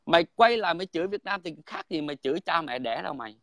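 A man's voice: fairly high pitch, animated, fast talker, fairly bright tone, no echo. A man, talking bluntly and crudely in a heated casual chat, again and again asking "right?". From Vietnam. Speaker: guest in online livestream chat.

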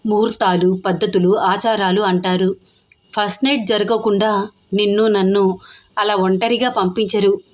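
A woman voicing an earnest young businessman who pleads softly and reassures his fiancée in an audio story. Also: medium pitch, steady tone, moderate pace, close to an everyday voice.

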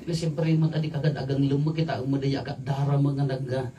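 A middle-aged priest speaks in a mid-range, flat voice, offering a casual, joking homily in broken phrases full of rhetorical questions, blending local language and English terms. It's night at an outdoor makeshift altar, and his stand mic, filmed from a distance, yields a muffled, slightly off-mic sound with crowd noise.

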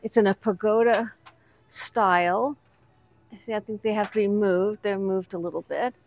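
A woman's voice: medium pitch, steady tone, moderate pace, a little mellow. A woman hosting a vlog, chatting casually as she points out items on shop shelves one by one. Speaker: vlog host, reseller. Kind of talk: casual commentary while browsing a shop.

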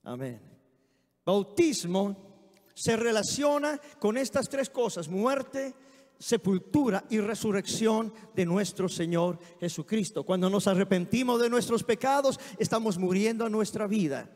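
A man preaching a sermon in a church, telling anecdotes in a lively way and often exclaiming amen. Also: high-pitched, measured pace. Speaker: guest preacher. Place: church sanctuary. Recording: long hall reverb.

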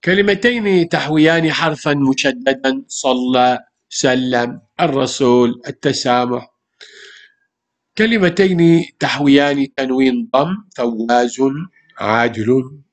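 A man's voice: medium pitch, slow pace. A man with an Egyptian Arabic accent teaching a primary school language lesson, patiently repeating words and asking rhetorical questions. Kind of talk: classroom lesson explaining grammar.

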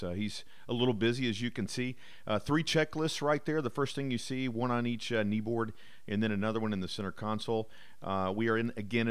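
Smooth-voiced man narrating flight footage. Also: lowish voice. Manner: easygoing, explanatory, frequent "uh" fillers. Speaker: bomber pilot narrating his flight footage. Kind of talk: voice-over commentary.

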